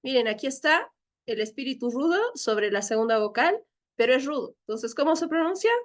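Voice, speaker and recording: A woman's voice: sits high, animated, a little fast. A woman teacher leading a Greek class, explaining patiently step by step and often checking with her students. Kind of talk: online class lecture.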